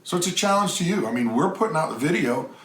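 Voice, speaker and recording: A middle-aged man co-hosts a homestead family vlog, talking to the camera earnestly and at length in a casual, encouraging way. His voice is a little high and expressive, and he talks fast. The room is echoey, with a faint hum.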